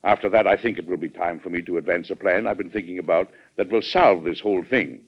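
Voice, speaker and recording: A man's voice: sits low, fast, slightly rough. A man playing a hearty, authoritative American president in an old radio drama, jovial and commanding. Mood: firm, businesslike. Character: genial, hearty, authoritative male American president, fond of food. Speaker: actor. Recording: dull old radio recording.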